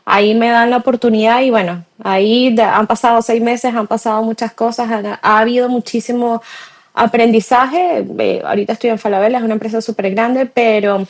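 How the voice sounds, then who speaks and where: Venezuelan woman, measured interview answers. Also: fairly high pitch, steady tone. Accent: Venezuelan Spanish. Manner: measured, with frequent filler hesitations. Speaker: guest, tech director.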